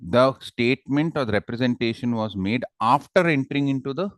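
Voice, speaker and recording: A man's voice: mid-range voice, lively intonation, fairly quick, no echo, studio quality. A man with a South Indian accent teaching an online class conversationally, with examples and frequent questioning tags, on a headset microphone. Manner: informal, often ends phrases with questioning tags.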